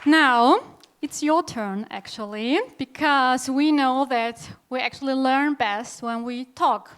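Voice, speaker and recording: A woman moderates a conference and gives clear instructions to the audience. Her voice is smooth and resonant, pitched fairly high.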